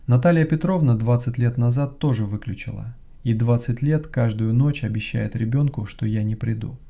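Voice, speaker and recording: A man narrates a first-person horror tale at night. His voice is dark and heavy, full of gravel and a husky edge. He keeps the delivery slow, measured and quiet. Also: medium pitch. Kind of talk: scripted horror story narration.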